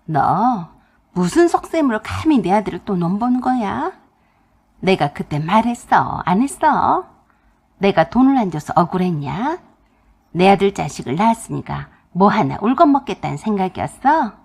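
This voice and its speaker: A woman voicing a harsh, money-minded older mother-in-law who scolds loudly and interrogates, in a husky voice. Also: mid-range voice, big pitch swings, normal speed, full character voice. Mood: scolding.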